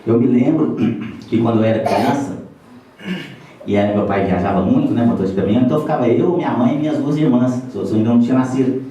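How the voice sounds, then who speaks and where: A man's voice: mid-range voice, fast, dark tone, a little hiss or hum. A middle-aged Brazilian man giving a lecture, telling folksy stories and asking the audience for agreement. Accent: Brazilian Portuguese. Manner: folksy storyteller, asks the audience "né?" and "não é assim?". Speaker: speaker at a spiritist center lecture. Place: lecture hall. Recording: echoey hall, distant mic.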